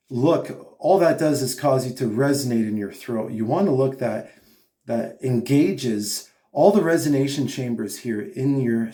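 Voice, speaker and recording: A male vocal coach explains singing technique in a calm, patient manner, breaking off for brief hums and sung vowels. His voice is mellow and relaxed, sitting in an ordinary middle pitch, and he is heard in a roomy, echoey space. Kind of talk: singing lesson, spoken instruction.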